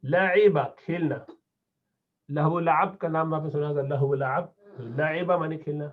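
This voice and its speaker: A man gives a classroom-style Arabic lesson, a touch higher than most men. He repeats each word slowly and patiently for his learners. The sound is thin and tinny, like a phone line. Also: steady tone. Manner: patient, repeats words slowly to drill pronunciation. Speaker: Arabic teacher.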